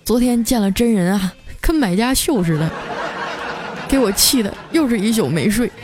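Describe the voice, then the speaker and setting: A woman's voice: on the high side, animated, moderate pace, over music, lightly acted. A woman voicing a sulky, unlucky young office man who complains in an aggrieved tone. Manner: aggrieved, self-pitying.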